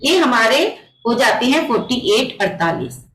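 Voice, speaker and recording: High-voiced woman teaching patiently online. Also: sing-song, unhurried, a bit bright, reverberant, low-quality recording. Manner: patient, explaining step by step with rhetorical questions. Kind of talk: online religious text class. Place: home on a video call. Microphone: computer mic on a video call.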